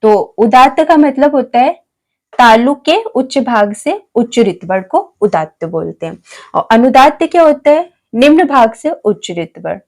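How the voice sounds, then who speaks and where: Slow high-voiced woman teacher. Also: animated, a little mellow. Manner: addresses viewers as friends, asks and answers own questions; spells out letters one by one. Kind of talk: explaining grammar to viewers.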